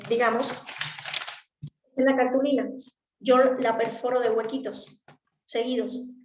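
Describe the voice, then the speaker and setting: A woman's voice: a little high, reverberant, muffled recording. A woman teaching speech therapy to a class, explaining practically with examples. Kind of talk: online class lecture.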